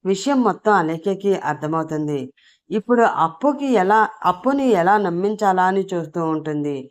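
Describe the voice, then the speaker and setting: A woman storyteller narrating a serialized audio story in a steady, plain manner. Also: lowish voice.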